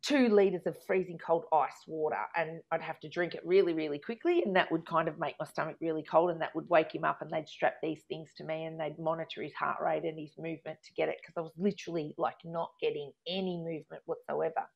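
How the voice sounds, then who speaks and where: A woman's voice: deep voice, fairly even intonation, brisk, creaky, few pauses. A woman in her thirties with an Australian accent, candidly telling a personal story and acting out remembered arguments. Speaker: guest. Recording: dull lo-fi sound.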